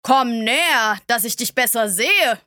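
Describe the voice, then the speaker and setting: A proud, pompous old king, put on by a woman reading a storybook hands down orders in slow, drawn-out commands. The voice rides high and animated, bright and close in a dry space. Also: dry recording. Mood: commanding.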